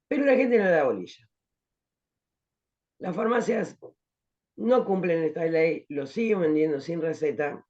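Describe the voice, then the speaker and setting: A pharmacology teacher gives an online class lecture in a low, mellow voice. She explains as she goes, asks rhetorical questions and keeps checking in with "¿eh?". The audio has the dull sound of an online call.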